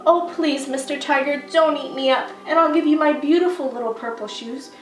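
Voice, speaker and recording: A high, earnest little boy pleads politely and timidly in a read-aloud storybook, voiced by a woman. The room rings with echo and the mic sits at a distance. Soft music plays quietly underneath. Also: brisk, close to an everyday voice. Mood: pleading.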